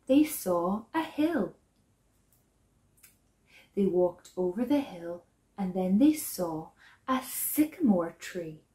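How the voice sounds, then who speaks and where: A young woman tells a story for children, signing while speaking. She goes extremely slowly, leaving pauses for others to join in. Her voice sits at a medium pitch, in an echoey living room. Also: mellow. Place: small living room, indoors, seated on a sofa.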